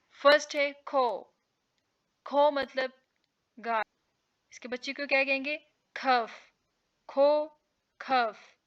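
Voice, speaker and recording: A woman teaching English vocabulary, repeating each word slowly and asking and answering her own questions. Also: high-pitched, pushed and bright, muffled recording. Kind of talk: slow vocabulary lesson with repetition.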